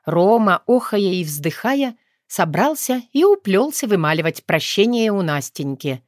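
A woman reading a novel aloud as audiobook narrator, measured and unhurried. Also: medium pitch, very animated, no room sound, clean studio sound. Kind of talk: scripted narration.

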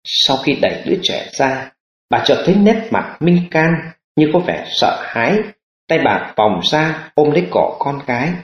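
A man narrating an audiobook in an expressive storytelling manner. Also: a little high, unhurried. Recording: roomy lo-fi audiobook recording.

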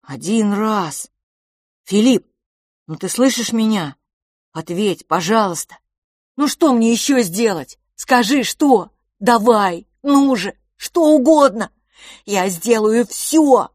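A woman's voice: fairly high pitch, moderate pace, no echo, clean studio sound, pitched above the performer's own voice, lightly acted. A woman doing a desperate pleading boy. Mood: frantic. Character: frightened pleading young boy twin.

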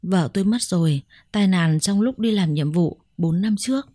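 A woman voicing a calm, gentle widowed man in a spoken story, with a soft-spoken, even delivery. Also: lowish voice, normal speed, dry recording, studio quality. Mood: subdued.

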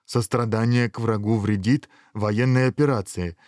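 A man's voice: fairly low pitch, steady tone, normal speed, a little mellow, no echo, studio quality, close to an everyday voice. A man voicing a stern, gloomy dragon head who talks curtly. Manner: curt and stern.

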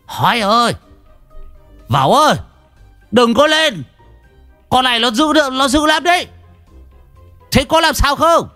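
A man's voice: very high-pitched, animated, unhurried, long pauses, pushed and bright, clean tone, soft background music, pitched above the performer's own voice, heavily acted. A man doing a stammering flustered old man. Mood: worried. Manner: stammering, then blustering. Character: clumsy old village man, flustered and defensive.

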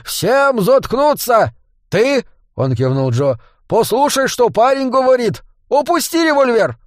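A man voicing a gruff, foul-mouthed male dwarf boss who barks orders. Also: fairly high pitch, lively intonation, normal speed, a little mellow, dry recording, clean studio sound. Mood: furious. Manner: barking orders, swearing.

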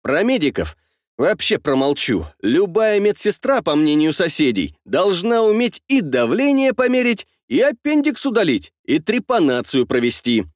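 A man's voice: high voice, huge pitch swings, moderate pace, no echo, studio quality. A man narrating an audiobook in the first person, wry and colloquial.

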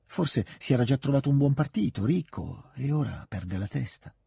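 A man with a husky voice voicing a gentle older countess who tenderly scolds her daughter. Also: mid-range voice, moderate pace, no room sound, studio quality, voice pushed up, full character voice. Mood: admonishing. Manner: calm, tender, admonishing. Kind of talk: literary reading aloud.

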